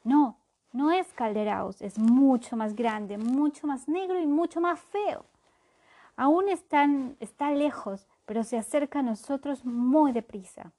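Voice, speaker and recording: A woman's voice: sits high, a little slow, mellow, voice pushed up. A woman voicing a worried little girl in a children's story.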